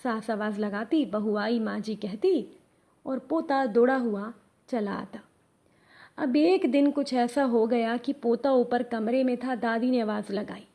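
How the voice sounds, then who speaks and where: A woman narrating a devotional moral story, gently addressing her listeners as the congregation. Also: fairly high pitch, a little slow.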